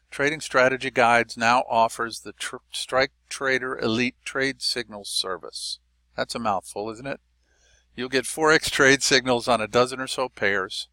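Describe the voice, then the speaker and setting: Brief: man, trading teacher, casual and folksy, bright voice. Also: medium pitch, dry recording. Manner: relaxed and folksy, with frequent fillers and small jokes. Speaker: trading educator. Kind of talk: explanatory market lesson.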